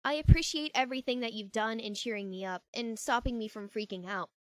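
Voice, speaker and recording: In a fan audio drama, a woman voices a young woman with a fairly high, fairly bright voice, speaking fairly quickly in an emphatic, everyday way. She comes across as earnest, friendly and newly assertive, with light acting. The sound is close and dry with no echo, though the recording is rough.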